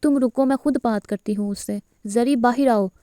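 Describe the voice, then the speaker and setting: A woman voicing a blunt, quick-tempered old grandmother who scolds her family. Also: on the high side, dark tone, no room sound, clean studio sound, close to an everyday voice. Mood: scolding. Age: older.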